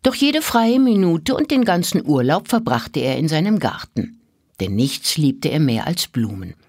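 Brief: woman narrating a children's story, low, husky, very lively intonation. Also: a little slow, no room sound, clean studio sound. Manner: expressive, melodic storybook delivery.

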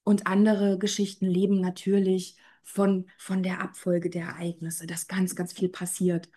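A woman's voice: fairly low pitch, monotone, moderate pace, warm tone. A woman who edits audiobooks, explaining her craft thoughtfully in an interview. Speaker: audiobook editor.

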